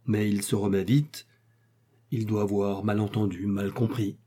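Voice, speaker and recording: A man narrating a classic story in a measured, expressive reading. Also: fairly low pitch.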